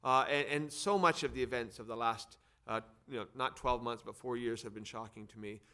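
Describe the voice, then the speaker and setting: Introducing speakers at an event he hosts, a middle-aged think tank head from Arizona talks briskly in a smooth, pushed, bright mid-range voice. His American-accented delivery is semi-formal yet partly off the cuff, and he repeats words for emphasis.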